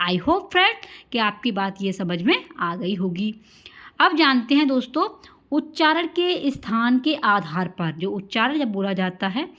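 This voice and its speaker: A woman teaching an exam-prep grammar lesson, calling her viewers friends, asking questions and answering them herself, and drawing out example sounds slowly. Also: a little high. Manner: addresses listeners as friends, asks and answers own questions.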